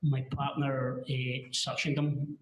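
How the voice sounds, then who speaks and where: Paramedic witness in an echoey courtroom recording. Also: male voice, medium pitch, little pitch movement. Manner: halting, hesitant, plain-spoken. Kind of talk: courtroom testimony.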